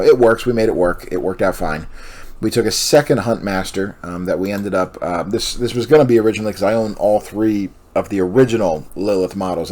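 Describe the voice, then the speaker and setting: A man hosting a casual walkthrough of building a tabletop army list, rambling with many pauses and self-corrections, and sounding tired. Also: low voice, mellow. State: yawning, tired. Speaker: host.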